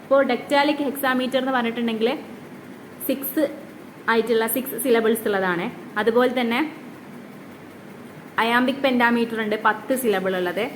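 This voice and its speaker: A woman teaching a literature class, reading English lines slowly and then explaining them in her own words, with frequent "okay" fillers. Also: a little high, fairly even intonation, roomy sound, a little hiss or hum. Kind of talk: classroom lecture.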